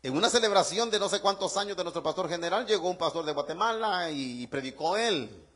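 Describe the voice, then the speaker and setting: A male pastor delivers an animated sermon. His voice sits high and sounds bright and forceful. He keeps turning to the congregation with rhetorical questions. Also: a little fast.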